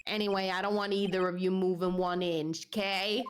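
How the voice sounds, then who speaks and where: A woman's voice: mid-range voice, fairly even intonation, moderate pace, a little hiss or hum, close to an everyday voice. A woman voicing a blustering male police detective with a put-on New York accent, ending lines with "see?". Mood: brusque. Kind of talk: reading game dialogue aloud.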